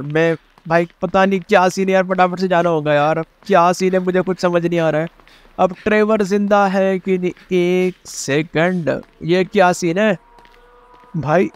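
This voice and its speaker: A young man giving chatty, excitable commentary while playing a video game, talking straight to his viewers. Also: sits high, clear, resonant tone, no echo. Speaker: gameplay commentator. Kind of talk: casual gameplay commentary. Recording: game gunfire and explosions behind.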